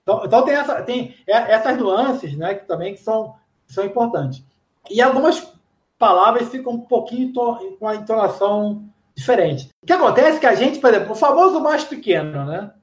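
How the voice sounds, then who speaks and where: A man from Brazil with a Brazilian Portuguese accent, chatting casually as an interviewee, slangy and full of anecdotes and quick asides. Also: sits high, animated. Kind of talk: casual chat. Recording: echoey room.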